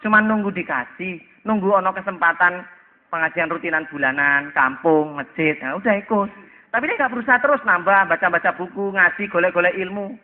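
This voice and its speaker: Javanese guy preaching, jokes around, does little skits, high voice. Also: a little fast. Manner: joking, acts out dialogues. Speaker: Islamic preacher. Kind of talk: casual sermon. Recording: tinny phone-like lo-fi audio.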